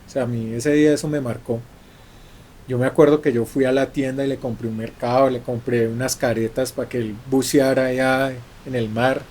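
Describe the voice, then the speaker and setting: A middle-aged man with a Colombian Spanish accent, speaking as an interview guest about his work on the road. His voice is mellow and relaxed, and he repeats and restarts words as he talks. Faint background noise sits under the recording. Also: medium pitch, normal speed. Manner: restarts and repeats words while telling travel stories. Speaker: journalist guest. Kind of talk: conversational storytelling interview.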